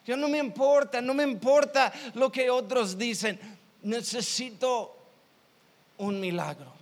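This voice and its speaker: A man's voice: very high-pitched, a little slow. A man preaching a sermon in a church hall as pastor, emphatic and repetitive as he retells stories. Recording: long hall reverb.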